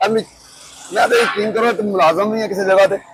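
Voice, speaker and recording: A man's voice: sits high, steady tone, fast talker, background noise. A man with a Punjabi accent from Pakistan, doing a street prank, pleading for money, then teasing with insults. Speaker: prank comedian.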